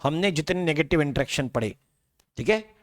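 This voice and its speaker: A man with a slightly high voice teaches biology to a large classroom, speaking. He lectures in a loose, talky way and keeps checking in with his students through rhetorical questions. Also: expressive, moderate pace.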